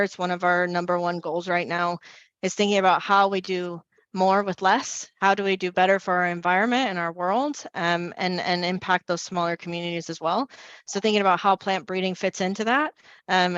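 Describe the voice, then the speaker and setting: A woman speaking as a panelist in an online panel discussion, talking fast with energy and frequent restarts. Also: on the low side, a bit bright, dry recording, muffled recording. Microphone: video call.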